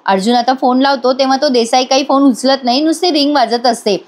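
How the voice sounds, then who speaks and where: A woman with a high voice narrates a TV serial recap as a voice-over. She is chatty and speaks straight to her viewers. She reads out each character's lines in turn. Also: brisk. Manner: chatty, addresses viewers directly. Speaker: TV serial reviewer.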